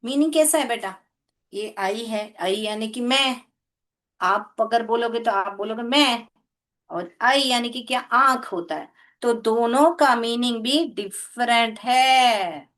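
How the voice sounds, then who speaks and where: Woman schoolteacher, slightly high voice, very slow and patient, keeps questioning the kids. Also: a bit bright. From India. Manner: patient, asks children many questions and praises them; speaks slowly and spells points out step by step. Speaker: English teacher. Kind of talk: classroom lesson for children, mixing Hindi and English.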